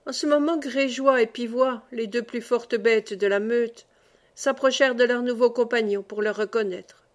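A woman reading a classic novel aloud as an audiobook narrator, in measured storytelling. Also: fairly high pitch, fairly even intonation. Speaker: audiobook reader.

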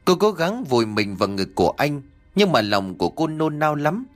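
A man narrating a ghost story in an expressive storytelling manner. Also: fairly high pitch, normal speed. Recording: faint background music.

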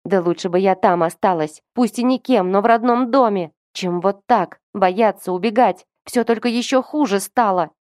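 A woman voicing a desperate teenage girl who pleads and breaks into shrill cries. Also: moderate pace, hardly any pauses, darkish tone, no echo, studio quality, close to an everyday voice. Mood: pleading.

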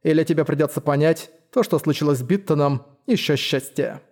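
Male reader as a steely woman steward, icy and stern, warm mellow tone. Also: on the high side, brisk. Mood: cold quiet. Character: cold commanding woman, steward of her estate.

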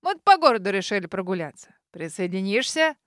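A woman reading an audiobook, voicing a lively, bossy old witch grandmother who talks loudly and brashly. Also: medium pitch, brisk, no room sound, studio quality, pitched below the performer's own voice. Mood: brash, merry. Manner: loud, laughing and brash. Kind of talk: audiobook character voice.

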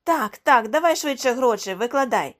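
A woman voicing an eager, bossy young man who leads his friends, speaking loud, pushy and excited. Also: a little high, normal speed, pitched above the performer's own voice.

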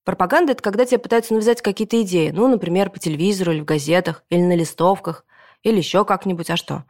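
A woman's voice: fairly low pitch, racing, a little mellow, lightly acted. Storybook mom, read by a woman, patient and plain-spoken. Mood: explaining. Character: calm adult mother explaining to her son.

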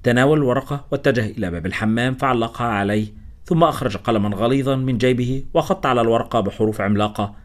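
A man narrating a first-person story as a scripted audiobook reading, with a steady storytelling manner. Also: mid-range voice, fast talker.

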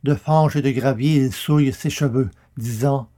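A man reciting a narrative poem in a solemn, measured way. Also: mid-range voice, dark tone. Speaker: poetry reader.

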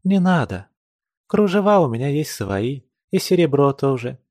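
A male reader voicing a lively, naive young village girl who talks coyly and teasingly. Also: fairly high pitch, moderate pace, no echo, clean studio sound, pitched above the performer's own voice. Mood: girlish, playful. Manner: playful, coy, teasing.

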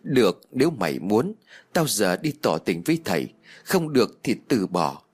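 A man voicing a blunt, hot-tempered young woman in an audio story, with a husky tone. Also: on the low side, very animated, moderate pace, faint music behind. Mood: indignant.

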